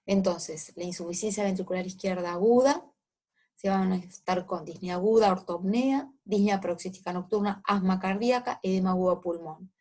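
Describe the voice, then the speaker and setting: A woman teaching a medical lecture, explaining step by step with frequent fillers and quick check-ins to her students. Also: on the low side, darkish tone.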